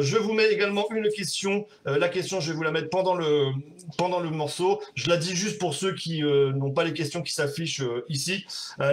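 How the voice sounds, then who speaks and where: A man hosts a casual home livestream, still out of breath and excitable after a stunt. His voice sits a little high, and he talks in quick, chatty bursts with the odd curse. He is picked up by a webcam mic in a room at home. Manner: breathless, excitable, swearing and laughing. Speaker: livestream host.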